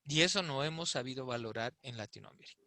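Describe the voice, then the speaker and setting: A man's voice: mid-range voice, expressive, fast talker, bright, forceful tone, dry recording. A man giving an explanatory talk in a discussion, often asking rhetorical questions. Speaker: invited speaker. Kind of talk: conversational talk in an online discussion.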